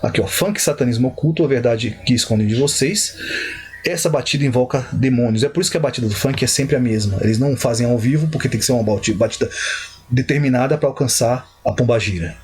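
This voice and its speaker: A man's voice: medium pitch, fast talker, darkish tone. A man giving a livestreamed Bible teaching, talking conversationally with frequent check-ins and self-corrections.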